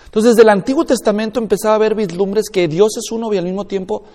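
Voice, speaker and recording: A man's voice: sits high, steady tone, fast talker, a little mellow, big-room sound. A man teaching a Bible class, explaining step by step and often checking whether listeners follow. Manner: explanatory, checks understanding with questions.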